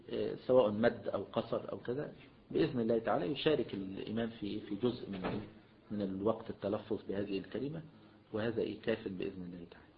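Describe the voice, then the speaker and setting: Fast-talking Egyptian sheikh teaching. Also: male voice, mid-range voice. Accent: Egyptian Arabic. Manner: keeps prompting listeners with a questioning "what?"; mixes classical Arabic with colloquial speech. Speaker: sheikh teaching Islamic jurisprudence. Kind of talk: religious lesson. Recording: dull lo-fi lecture recording.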